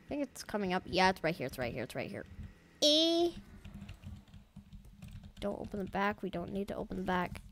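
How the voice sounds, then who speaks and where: A woman with a mid-range, very animated voice talks at a normal speed with long pauses, over a little hiss or hum. She's a gaming YouTuber doing casual, rambling let's-play commentary, chatting straight to her viewers and calling them "guys." Allergies have left her voice sounding slightly off.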